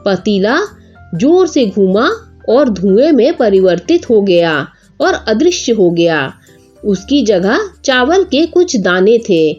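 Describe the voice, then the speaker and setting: Woman narrator, storybook tale, slow, lively pitch, dull lo-fi, faint music. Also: slightly rough. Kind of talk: scripted narration.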